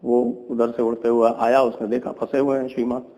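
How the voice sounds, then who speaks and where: A man's voice: fairly quick, long reverb tail, poor audio. Man retelling a fable with commentary. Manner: lively storytelling, drops to low asides. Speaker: host, commentator.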